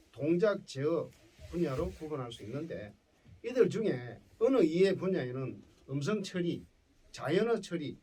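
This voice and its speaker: A professor with a Gyeongsang accent lectures school students indoors, often checking in with them through tag questions. His voice is fairly high, darkish and breathy-edged, and he sounds far from the mic on poor audio.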